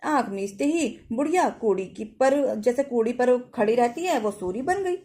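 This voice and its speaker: A woman's voice: on the high side, animated, moderate pace, mellow. A woman narrating a devotional folk tale in a rustic village dialect, giving the characters their own voices. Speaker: storyteller.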